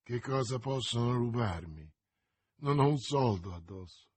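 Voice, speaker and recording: A man's voice: mid-range voice, expressive, unhurried, husky, no echo. A man voicing a secretive young woman in an audiobook, speaking seriously and pleadingly. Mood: earnest. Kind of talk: audiobook reading.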